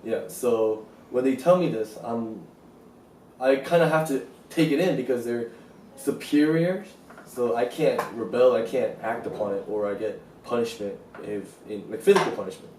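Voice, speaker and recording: Recorded on a distant mic in a roomy space, with faint ambience and a little hiss or hum, a Korean street artist in his 20s rambles loosely through an interview, using many fillers. His medium-pitched voice is a little mellow and moves at a moderate pace.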